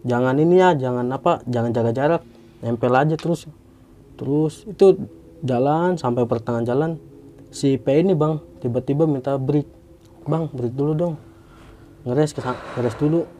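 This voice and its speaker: A man's voice: mid-range voice, normal speed, long pauses, mellow, slight background noise. A young man from Indonesia casually telling a true story, slangy, acting out the quoted voices.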